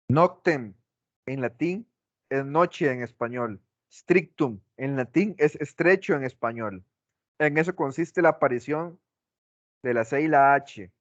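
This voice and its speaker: A man's voice: mid-range voice, no echo. A male teacher giving a class lecture, asking the class questions and repeating his examples, on a dull lo-fi recording.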